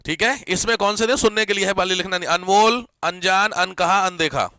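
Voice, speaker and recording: A man teaching a Hindi grammar class, often checking that students follow and repeating key words slowly so they can write them down. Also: sits high, bright, forceful tone, clear, resonant tone, no room sound. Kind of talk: live classroom lesson.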